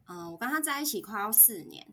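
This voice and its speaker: A woman speaking Mandarin with a Taiwanese accent, gently telling a personal story in a casual podcast chat, with soft pauses and many fillers. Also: medium pitch, expressive, slight background noise. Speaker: podcast co-host.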